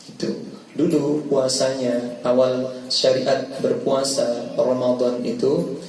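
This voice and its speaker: A man delivers a relaxed, conversational sermon in a mosque. His voice is gravelly and mellow, and it echoes through a big hall. It is picked up by a mic some distance away. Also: mid-range voice, slow pace, a little hiss or hum. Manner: conversational, relaxed preaching with colloquial asides. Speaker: ustadz giving a Ramadan lecture. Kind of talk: casual sermon.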